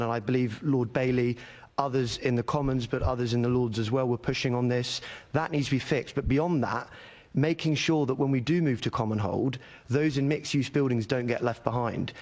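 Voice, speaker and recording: A man campaigning for leaseholders, giving formal evidence to a committee in an earnest, argumentative way and repeating words for emphasis. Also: medium pitch.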